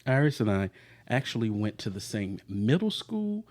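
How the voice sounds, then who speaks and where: A man's voice: fairly low pitch, sing-song, moderate pace, darkish tone. A man in his forties hosting a casual podcast chat with his wife, easygoing and laughing often. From Florida, US. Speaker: podcast host.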